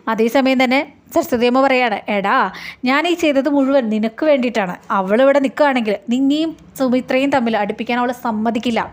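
A woman casually retelling a TV serial episode in a chatty storytelling way, often adding friendly tag words. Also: a little high.

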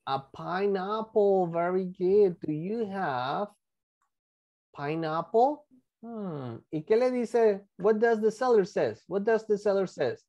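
A woman teaching English in an online class, drilling pronunciation slowly over a computer microphone. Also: medium pitch, dark tone, lo-fi sound. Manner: slow, drawn-out pronunciation drilling. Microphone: computer mic on a video call.

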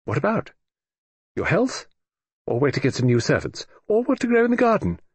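A man reading an audiobook, voicing an imperious, deaf old aristocratic lady with crisp, commanding upper-class speech. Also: fairly high pitch, huge pitch swings, normal speed, dry recording, voice pushed up, exaggerated voice. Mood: tart.

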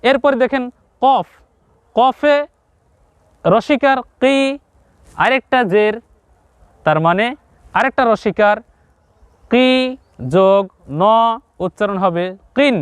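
A man's voice: extremely high pitch, smooth, no room sound. A man with a Bangladeshi Bengali accent teaching Quran reading, sounding out syllables step by step and asking questions he then answers himself. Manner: drills syllables slowly, asks and answers his own questions. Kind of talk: step-by-step recitation lesson to viewers.

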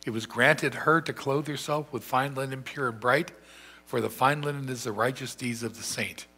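A man's voice: mid-range voice, normal speed, pushed and bright, husky. An older man, a pastor, preaching a sermon from a lectern in a large church sanctuary, in a thoughtful, conversational way with frequent restarts.

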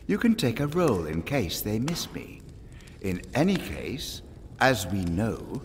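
An actor playing a smug old pagan island lord in an audio drama, pompous, taunting and silkily eloquent. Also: male voice, fairly low pitch, long reverb tail, a little hiss or hum. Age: older.

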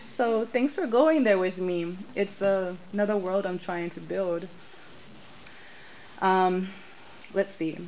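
A young woman from the United States reading her poems at a bookstore into a stand mic, soft and measured, with hesitant spoken asides. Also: mid-range voice, a little hiss or hum, rough recording. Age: young adult. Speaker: poet. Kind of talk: poetry reading with spoken remarks. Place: small bookstore, indoors. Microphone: stand mic in front of her.

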